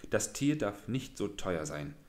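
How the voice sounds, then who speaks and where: A man voicing a cunning trickster who haggles in a loud, brisk, offhand way. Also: on the low side, very animated, roomy sound. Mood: wheedling.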